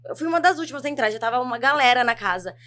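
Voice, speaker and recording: Fast-talking high-voiced young woman. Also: expressive, fairly bright tone. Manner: chatty, quick, storytelling with many fillers. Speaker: podcast guest, reality show contestant. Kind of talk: casual interview chat.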